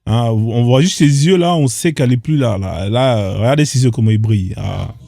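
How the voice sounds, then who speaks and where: A man's voice: mid-range voice, fairly quick, vocal fry, mellow, no room sound. A man hosting casual reaction commentary on odd internet clips, incredulous and firing off rhetorical questions in street slang. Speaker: host reacting to social media clips.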